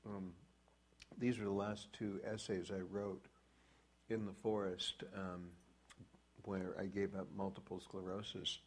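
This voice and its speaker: A man reading his own poem slowly and with heavy emphasis, then talking casually to a small audience. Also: deep voice, little pitch movement. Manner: slow, emphatic recitation with long pauses. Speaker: poet and speaker.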